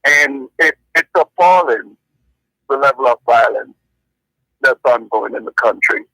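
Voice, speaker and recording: A man from Jamaica calling in to a radio show over a clipped phone line from his car, talking in a concerned, halting way and repeating words. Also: mid-range voice, pushed and bright, dry recording. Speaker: caller. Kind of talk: call-in radio chat.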